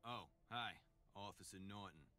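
A man's voice: low voice, a little slow, bright, forceful tone. A man voicing a chatty, nervous male police officer with a Boston accent in a video game. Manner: rambling, eager to please.

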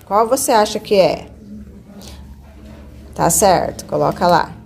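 A woman's voice: medium pitch, expressive, slow, vocal fry, darkish tone, slight background noise. A woman teacher guiding a child through a reading lesson, patiently coaxing and stretching out syllables. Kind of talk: one-on-one literacy lesson.

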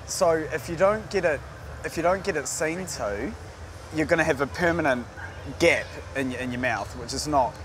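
A man's voice: a little high, normal speed. A man with a New Zealand accent, a paramedic explaining things to patients in a casual, reassuring way. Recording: clear outdoor street and vehicle noise. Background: street and vehicle noise.

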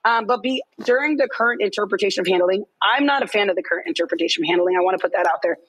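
A slightly hoarse woman giving measured, explanatory rules analysis on a studio football panel. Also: medium pitch, fairly bright tone, low-quality recording. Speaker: refereeing analyst.

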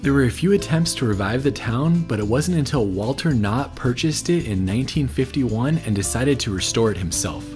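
A man in his thirties talks through a travel vlog in an upbeat, informative way, laughing easily as he goes. He films himself outdoors with the camera held out at arm's length, and soft music plays quietly behind him. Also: medium pitch, expressive, normal speed, hardly any pauses. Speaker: travel vlogger. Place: outdoors in the desert, on foot.

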